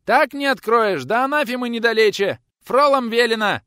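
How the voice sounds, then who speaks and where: A man voicing a brash, self-important young church servant who shouts his orders. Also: extremely high pitch, expressive, normal speed, clean tone, dry recording, clean studio sound, pitched above the performer's own voice. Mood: shrill insistent.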